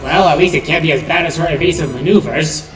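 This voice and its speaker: A woman's voice: low-pitched, fast talker, lightly acted. A woman voicing a sarcastic, complaining robot rat crewmate in a comic dub. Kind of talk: comic dub cartoon acting. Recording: echoey room, music underneath.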